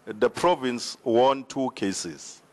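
A man with a South African accent answering formally at a town hall debate, speaking into a handheld mic in a large hall, with measured hesitations. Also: mid-range voice. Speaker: regional party official on a panel. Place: large indoor hall with seated audience. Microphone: handheld microphone.

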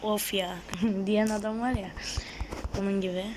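A woman giving live gameplay commentary on her gaming channel, excitable, shouting at opponents and then dropping to a murmured whisper. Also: mid-range voice, measured pace, background noise.

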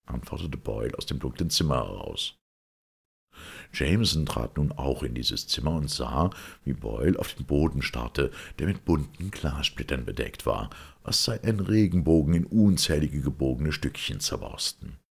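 A man's voice: extremely low pitch, normal speed, vocal fry, breathy edge. A man narrating a detective story expressively as an audiobook reader. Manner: expressive, dramatic. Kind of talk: literary narration.

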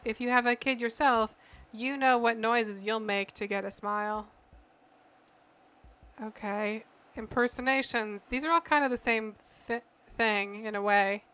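A woman's voice: a little high, sharp tone, clear, resonant tone. A woman streaming a game, reading web pages aloud with incredulous, sarcastic asides. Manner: incredulous, sarcastic, reads website text aloud with dry asides. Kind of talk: casual gameplay commentary.

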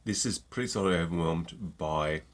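A middle-aged man talks a little fast in a low voice, his nose stuffy from a cold. He's a gin reviewer doing a casual, joking tasting chat to camera with lots of ums, seated close to a desk mic in a room at home with shelves of bottles.

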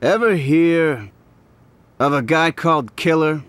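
An actor playing a dry, teasing detective with a dogged edge. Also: male voice, fairly high pitch, takes it slowly, no echo. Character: wry, dogged male detective hunting a killer. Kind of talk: video game voice acting.

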